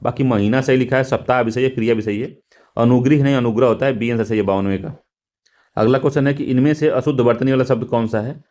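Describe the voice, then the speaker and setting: A man's voice: medium pitch, fairly even intonation, fast talker, darkish tone, highs cut off. A male teacher going through exam practice questions, repeating words and correcting himself, with frequent fillers. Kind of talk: explaining test answers.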